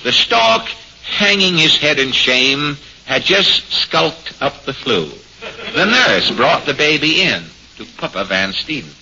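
A man's voice: a little high, sing-song, takes it slowly, gravelly, bright, forceful tone. A man giving scripted, mock-solemn narration in a 1940s radio comedy. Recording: muffled, hissy 1940s radio recording.

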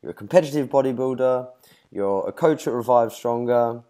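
A man's voice: mid-range voice, normal speed, warm tone. A man hosting a casual podcast interview, upbeat, teasing and chatty. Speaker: podcast host.

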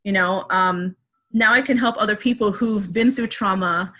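A woman's voice: medium pitch, normal speed, fairly bright tone. A woman speaking candidly as an interview guest, reflective and open, with many fillers and restarts. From Filipino heritage.

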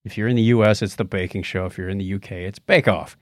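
A man co-hosting a podcast chats casually while reviewing TV shows, retelling scenes conversationally with quoted asides. His low voice keeps a steady tone at a quick pace. The studio sound is clean, with no echo.

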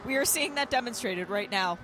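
A motorsport commentator chats through a live race as the second voice in the booth. The delivery is conversational and playful, full of banter. Car noise and trackside ambience sit clearly behind the voice. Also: mid-range voice, lively intonation, fairly quick. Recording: trackside broadcast with loud engine noise. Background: racing cars and trackside ambience.

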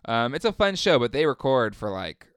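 Smooth-voiced man co-hosting a podcast. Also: mid-range voice, very animated, moderate pace, dry recording, studio quality. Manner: rambling, filler-heavy, laughs often. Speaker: podcast co-host. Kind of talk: casual podcast chat.

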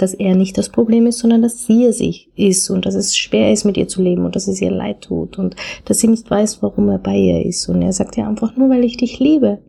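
A woman coach, telling a story in a slow, thoughtful way, with many fillers. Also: mid-range voice, creaky, warm tone, breathy edge. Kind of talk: casual storytelling talk.

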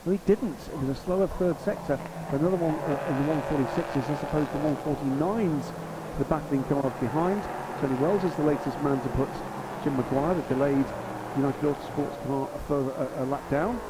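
A man's voice: on the high side, fairly quick. A man giving live motorsport commentary on a race. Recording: clear engine noise behind.

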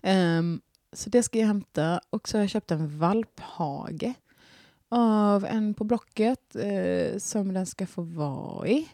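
Young woman, casual podcast chat, rambling, fillers, giggly, middle pitch, dry close sound. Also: mellow, no echo. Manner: chatty, rambling with many fillers and restarts; giggly, gushing. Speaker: podcast host chatting with live chat.

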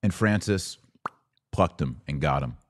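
Recorded dry and clean in a studio, a man with an animated bass voice hosts an opinionated podcast at a measured pace. His live commentary involves reading aloud and reacting with a mocking, sarcastic, emphatic delivery.

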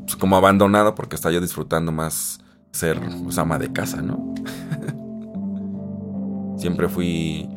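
A young man with a Mexican Spanish accent tells his life story in a chatty, animated way, acting out other people in a high voice. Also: unhurried, long pauses. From Isthmus of Tehuantepec, Mexico. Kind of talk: personal storytelling. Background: guitar music.

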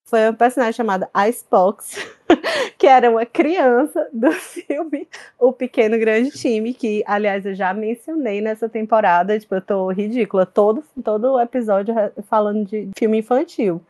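A woman's voice: a little high, expressive, normal speed, a little mellow. A woman with a Brazilian Portuguese accent, chatting informally as a podcast co-host. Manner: informal, slangy. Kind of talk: casual chat.

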